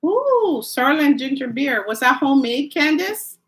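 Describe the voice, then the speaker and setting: Speaking straight to her audience from home, this live-stream host keeps things casual and laughs a lot. Her voice is high-pitched and very animated at a normal speed. Sound quality is poor, captured on a phone or camera mic.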